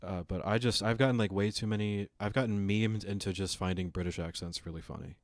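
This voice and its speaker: A man's voice: on the low side, fairly even intonation, brisk, no room sound, studio quality. A man streaming a reaction to a lecture, talking to his chat with joking asides. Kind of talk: casual reaction commentary.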